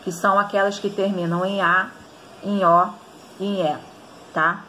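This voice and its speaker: A woman's voice: medium pitch, level tone, measured pace, pushed and bright, a little hiss or hum. A woman with a Brazilian Portuguese accent teaching an online grammar lesson, explaining step by step and often checking in with the students.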